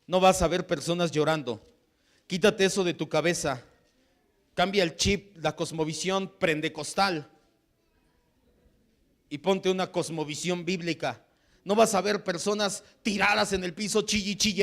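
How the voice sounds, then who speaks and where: Impassioned Mexican pastor preaching. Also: male voice, high voice, fairly bright tone. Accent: Mexican Spanish. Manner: impassioned preaching, acts out quoted voices. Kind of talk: sermon.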